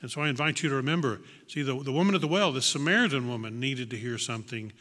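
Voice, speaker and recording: A man's voice: mid-range voice, fast, pushed and bright. A man preaching a sermon to a congregation, earnest and reflective, repeating words for emphasis. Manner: earnest, reflective, with small restarts and emphatic repetition. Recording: long hall reverb.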